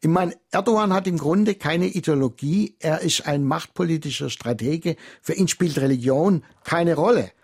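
A man speaking as an expert guest on a radio call-in, explaining in a measured, lecturing way. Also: a little high, darkish tone, husky.

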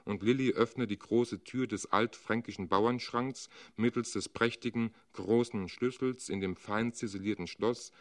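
Expressive male literary narrator. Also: lowish voice. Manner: expressive, dramatic. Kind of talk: literary reading.

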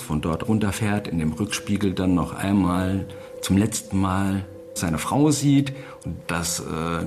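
A man's voice: sits low, gravelly, noisy background. A man, a photo reporter, recounting what he heard and saw in an interview. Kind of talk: interview account.

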